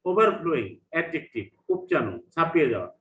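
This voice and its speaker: A man's voice: a little high, very animated, quick pace, a bit bright. A man with a Bangladeshi accent, an English lecturer giving an online vocabulary class, repeating each word with its meaning in two languages. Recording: echoey room, dull lo-fi sound.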